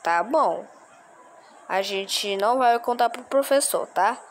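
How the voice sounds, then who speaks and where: A woman's voice: a little high, takes it slowly, a little hiss or hum. A woman doing a conspiratorial school friend. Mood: conspiring. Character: curious schoolboy friend who keeps secrets.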